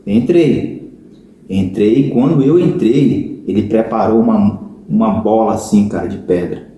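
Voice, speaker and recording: A man's voice: fairly low pitch, a little slow, dark tone. A man with a Brazilian Portuguese accent, a podcast guest telling a personal conversion testimony in an earnest storytelling way, often calling his listener "cara". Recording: very echoey room.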